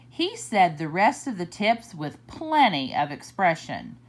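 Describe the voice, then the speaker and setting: A woman whose voice sits on the high side reads a children's picture book aloud for story time, slowly and deliberately, with expressive swooping pitch.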